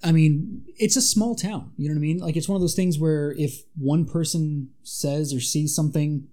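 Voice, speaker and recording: A man's voice: on the high side, steady tone, moderate pace, mellow. A man co-hosting a podcast, casually retelling a monster legend with dramatic asides. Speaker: podcast co-host. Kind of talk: casual storytelling chat.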